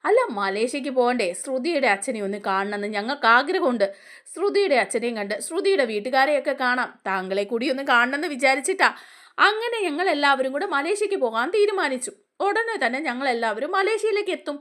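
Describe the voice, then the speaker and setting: A woman's voice: high-pitched, animated, fast, fairly bright tone. A woman reading an earnest family man.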